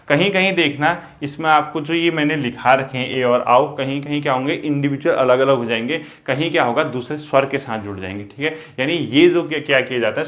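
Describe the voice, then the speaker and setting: A man teaching Hindi grammar for exams, who keeps saying "ठीक है", poses questions and answers them himself, and slows down to spell out vowel sounds. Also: medium pitch, fairly bright tone. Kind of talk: exam-prep lesson at a board.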